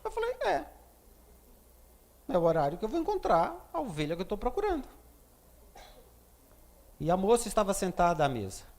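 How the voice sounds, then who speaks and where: A man preaching a sermon as a pastor, telling a story with a Brazilian Portuguese accent and acting out the dialogue, at times loud and at times hushed. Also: high-pitched.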